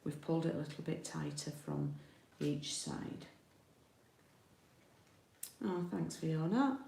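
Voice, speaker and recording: Slow and low, her dark voice carries vocal fry and a Yorkshire accent. She hosts a live card-making demonstration, keeping it chatty and informal while thinking aloud through the work. A distant mic in an indoor room with a window gives roomy sound with faint noise and clicks.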